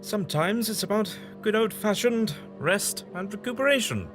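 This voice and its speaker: An actor playing a breezy, cheeky, eccentric time-traveller in an audio drama, with a theatrical manner. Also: male voice, sits high, expressive, normal speed, a bit bright, soft background music. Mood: breezy, chummy.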